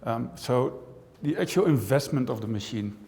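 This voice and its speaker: A man's voice: mid-range voice, animated, moderate pace, gravelly, a little mellow. A man who grew up in the Netherlands, a university professor giving a conversational conference talk to an audience, with dry jokes and frequent asides. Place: large auditorium. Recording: long hall reverb from a large auditorium.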